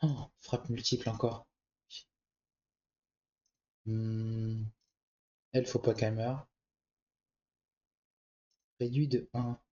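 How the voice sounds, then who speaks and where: Extremely slow, with long pauses, a man with a cold thinks aloud while playing a card game, muttering his choices in laid-back let's-play style. His medium-pitched voice is flat and mellow, and the audio is dull.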